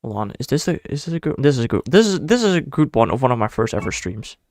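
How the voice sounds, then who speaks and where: A Dutch-accented man from the Netherlands talks fast and very animatedly on a live stream, his mid-range voice somewhat dark. He rambles casually, pokes fun at himself, and thinks out loud with frequent restarts, all in a dry, clean studio recording.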